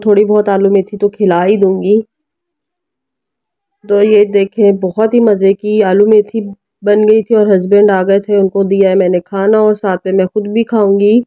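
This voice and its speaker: Woman, Pakistani Urdu accent, casual home cooking vlog, chatty and pleading with viewers, mellow tone, dry close phone sound. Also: mid-range voice, dry recording. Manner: chatty, keeps addressing viewers with requests. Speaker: family vlogger and mother. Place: home kitchen and family room.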